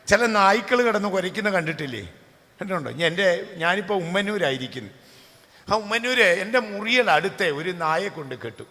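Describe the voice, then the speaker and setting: A man preaching a Pentecostal sermon as pastor, telling stories in a casual way and rising to shouted calls for the congregation to say hallelujah. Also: sits high, creaky. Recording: long hall reverb.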